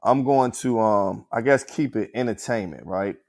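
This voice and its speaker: A man's voice: fairly low pitch, moderate pace, darkish tone. A man co-hosting a casual podcast, hesitantly steering the talk to the next topic. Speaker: podcast co-host. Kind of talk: casual group chat.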